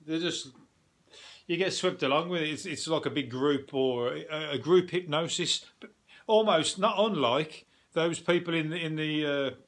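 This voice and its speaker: A man's voice: on the high side, measured pace, a bit bright. A British man hosting a podcast as a casual solo chat, rambling and irreverent, with plenty of swearing. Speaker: podcast host.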